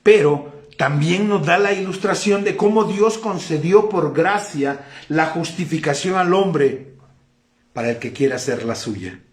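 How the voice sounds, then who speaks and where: High-voiced pastor preaching. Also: male voice, animated, unhurried, reverberant. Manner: emphatic, storytelling with quoted voices. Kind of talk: sermon. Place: church hall.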